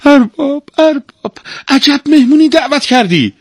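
A man's voice: slightly rough, no echo, full character voice. A man doing a sly young servant girl. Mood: shrill. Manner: shrill, excited cries and hushed warnings. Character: clever scheming young female servant.

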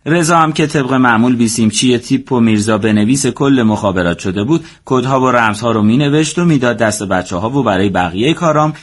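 A man narrating a war story as scripted audiobook narration, in a steady, measured way. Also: lowish voice.

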